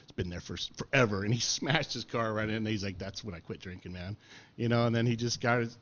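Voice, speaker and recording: A middle-aged man spinning stories on a podcast, easygoing and full of swearing and "you know"s. His voice sits fairly low. The audio is a bit dull and lo-fi. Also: fast talker, fairly bright tone. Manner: laid-back, profane, filler-heavy. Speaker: podcast interviewee. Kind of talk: casual storytelling chat.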